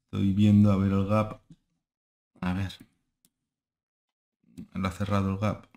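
In a slow, monotone, gravelly yet mellow low voice, a young man from Spain rambles through charts for a casual market analysis shared on screen. The stock analyst and channel host sits indoors at home, filling his talk with tags like ¿vale? and ¿eh?.

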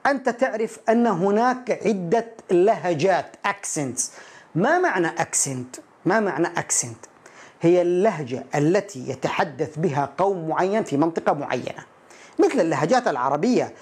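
Male language teacher, husky tone, emphatic and direct with viewers. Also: high-pitched. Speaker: English teacher. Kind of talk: online language lesson.

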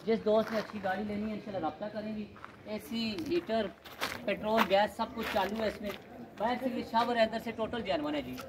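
Persuasive car dealer on a noisy lot. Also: male voice, high voice, fairly even intonation, brisk. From Pakistan. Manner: persuasive, repetitive salesman patter. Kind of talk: sales walkthrough pitch. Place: outdoor used-car lot. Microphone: handheld phone camera.

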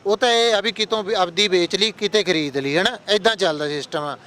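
Bright-voiced Punjabi man on the street. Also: high voice, brisk. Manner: earnest, explanatory, addresses friends as brother. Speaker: interviewee. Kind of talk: casual street chat. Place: outdoors on a street.

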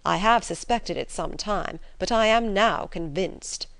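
A woman voicing a sardonic middle-aged gentleman father in a classic novel audiobook, formal and measured with dry irony. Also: medium pitch, creaky, no echo. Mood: dry, critical.

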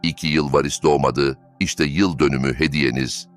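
A man reading as a stern, very deep-voiced rich father-in-law. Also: steady tone, normal speed. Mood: cold, formal. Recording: faint background music.

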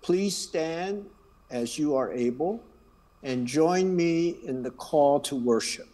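Standing before the sanctuary, a man who speaks Chinese as his first language unhurriedly reads announcements and opens the service with the call to worship. His somewhat high voice is animated and warm, friendly in manner, with occasional small asides.

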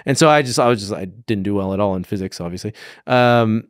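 A man's voice: on the low side, quick pace, no echo. Dry-humored man in a podcast studio. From California. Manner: dry, thoughtful, frequent restarts. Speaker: guest film director. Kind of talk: casual interview. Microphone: studio mic on boom arm.

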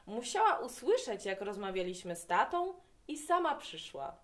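A woman reading a children's story aloud to young listeners, with an expressive, animated delivery. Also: a little high.

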